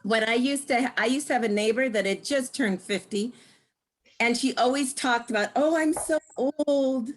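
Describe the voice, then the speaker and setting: A woman in her sixties giving a casual, lively testimonial, laughing often. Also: a little high, moderate pace, poor audio. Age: 60s. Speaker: guest speaker.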